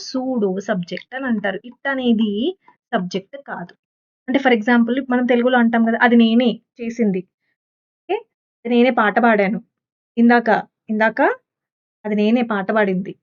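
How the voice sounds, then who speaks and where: A woman's voice: fairly high pitch, moderate pace, highs cut off. A woman English teacher with a Telugu accent, explaining exam questions step by step and answering her own questions. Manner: mixes English terms into Telugu speech. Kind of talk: exam-prep lesson.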